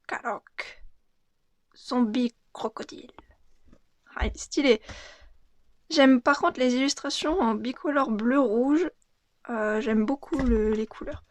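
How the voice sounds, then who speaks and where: A young woman with a high, light voice murmurs her way through an unboxing, often slipping into a half-whisper. She talks slowly and unhurriedly. The sound is close and completely dry, with no room around it. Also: dry recording. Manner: soft, murmured card reading with frequent half-whispers. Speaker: card unboxing vlogger.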